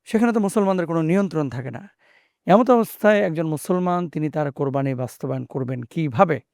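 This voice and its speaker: A man's voice: on the high side, animated, quick pace, gravelly, a little mellow, no room sound, clean studio sound. A man hosting a religious interview, asking questions respectfully and affirming often. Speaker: show host asking questions.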